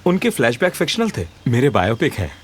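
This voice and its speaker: A man's voice: mid-range voice, wildly swooping pitch, very noisy. A young man voicing a pleading college-age son in a dubbed film, with music behind. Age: young adult. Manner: pleading, fast-talking. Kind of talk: Hindi film dub.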